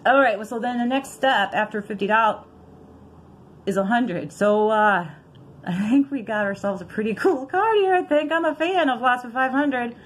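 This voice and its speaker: A woman vlogging in a casual, chatty way, excitable and giggly, rambling and thinking aloud as she reads out numbers. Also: on the high side, moderate pace. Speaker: vlogger scratching lottery tickets.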